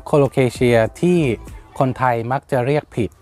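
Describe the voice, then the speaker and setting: A man's voice: mid-range voice, steady tone, slow, darkish tone, faint music behind. A man hosting a plant channel, explaining names in a casual, hesitant way with many fillers and spelling words out letter by letter.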